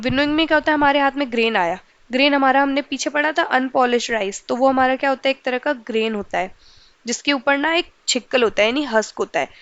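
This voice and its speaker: A woman's voice: sits high, a bit bright, clear, resonant tone, dry recording, lo-fi sound. A woman teaching a school science lesson who asks questions and answers them herself, slipping English terms into her speech. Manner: mixes in English terms and phrases. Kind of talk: explaining a school science chapter.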